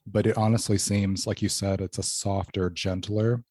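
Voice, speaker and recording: A man hosting a podcast, leading a tasting in a measured, informative way. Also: lowish voice, level tone, a little mellow, no echo, studio quality. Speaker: podcast host. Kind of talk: casual podcast chat, guided tasting.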